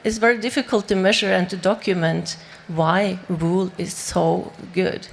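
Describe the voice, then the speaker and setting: A woman's voice: lowish voice, steady tone, a little slow, gravelly, slight background noise. A woman from Norway, a native Norwegian speaker, talking on a panel with many fillers and restarts. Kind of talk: panel discussion.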